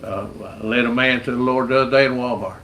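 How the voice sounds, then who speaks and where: A man's voice: mid-range voice, steady tone, fast, fairly bright tone, low-quality recording. A man, a street rodder giving an earnest, folksy evangelistic testimony and often repeating words as he goes. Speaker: street rodder sharing his faith.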